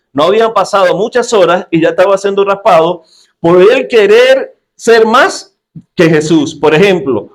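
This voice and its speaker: A middle-aged man preaches with a playful, theatrical manner, leaping into higher pitches as he acts out the people he quotes. His voice sits a little high for a man. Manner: lively, acts out quotes with sudden pitch jumps. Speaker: pastor. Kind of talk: humorous sermon.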